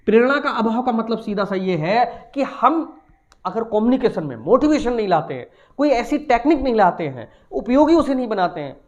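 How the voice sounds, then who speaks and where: A man with a Hindi-speaking Indian accent giving a recorded commerce lecture, explaining point by point and stretching key words slowly. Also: high voice, highs cut off. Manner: explains point by point, slow emphatic words, asks and answers himself. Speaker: commerce teacher.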